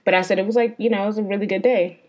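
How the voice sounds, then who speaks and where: A woman's voice: medium pitch, fairly even intonation, rapid-fire. A woman hosting a podcast, telling a story in a rambling, profane, exasperated way. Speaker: podcast host. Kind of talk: casual storytelling.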